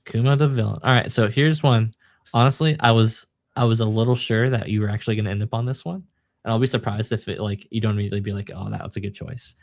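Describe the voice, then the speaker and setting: A man's voice: on the low side, fairly even intonation, quick pace, vocal fry, dry recording, studio quality. A man co-hosting a podcast, chatting casually and enthusiastically about manga and acting out characters' lines. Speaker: podcast co-host.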